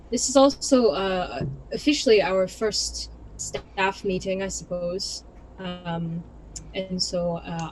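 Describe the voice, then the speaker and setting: A woman's voice: mid-range voice, darkish tone, a little hiss or hum, poor audio. A woman playing the captain in a tabletop role-play, hesitant and full of fillers. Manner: slow and hesitant, many fillers. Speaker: player as the captain.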